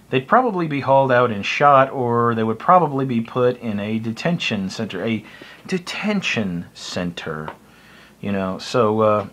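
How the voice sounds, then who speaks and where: Sitting in a small room beside a curtained window, a middle-aged American man talks to camera in a medium-pitched, slightly bright voice. The hobbyist vlogger's explanation is casual, chatty and rambling, recorded close to the mic.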